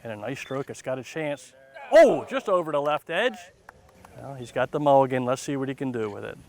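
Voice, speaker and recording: A man hosting and calling golf outdoors as a commentator, with an excited, encouraging, exclamatory delivery. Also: medium pitch, fairly quick. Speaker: golf show host and commentator. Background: music.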